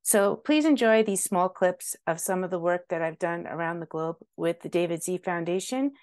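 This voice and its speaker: A woman's voice: lowish voice, moderate pace, a little mellow. A woman in her forties, founder of a studio, giving an upbeat, grateful scripted introduction on a video call through wired earbuds. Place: home room with a virtual background.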